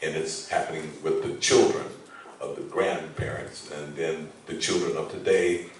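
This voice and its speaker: An older man giving a halting public speech to a community forum, with many pauses and fillers. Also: a bass voice, steady tone, a little hiss or hum. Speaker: candidate speaking at a community forum. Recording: echoey hall from far off.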